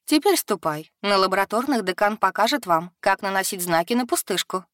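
A woman voicing a calm, experienced female magic teacher who speaks in a measured, matter-of-fact way. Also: mid-range voice, dry recording, clean studio sound, lightly acted.

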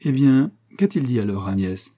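Brief: gentle old maiden aunt in a storybook reading, soft and motherly, dark husky tone, played by a man. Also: medium pitch, big pitch swings, moderate pace.

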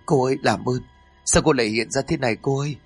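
Brief: scared boyish young man, played by a man, pleading, pitched up, husky, story reading with faint music. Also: fast. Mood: pleading, terrified. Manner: pleading, higher-pitched, panicky.

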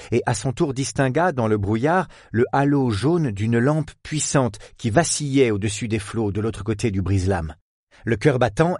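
A man narrating a novel as an audiobook, in a measured, literary storytelling manner. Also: mid-range voice, darkish tone, no echo, clean studio sound.

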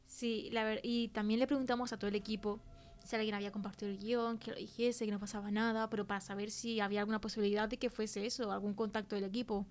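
With a quick pace and little pitch movement, a young actress gives a lightly acted, medium-pitched performance. She plays a shaken film-crew woman telling an eerie story in colloquial Castilian Spanish, chatty and teasing, uneasy and candid. It is a conversational interview within an audio fiction podcast.

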